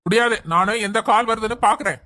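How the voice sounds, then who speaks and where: A woman's voice: fairly high pitch, quick pace, pushed and bright. A woman voicing a strict, commanding middle-aged father in a family skit. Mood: stern. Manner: commanding, stern.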